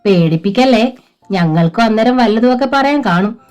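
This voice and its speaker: A woman's voice: a little high, expressive, moderate pace, darkish tone, faint music behind, voice pushed up, lightly acted. Woman doing a cheeky teasing schoolgirl.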